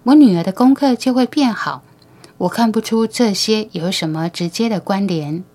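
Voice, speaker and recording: A woman's voice: medium pitch, moderate pace, warm tone, natural voice. Skeptical parent, read by a woman. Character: doubtful parent questioning the teacher. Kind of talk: audiobook reading.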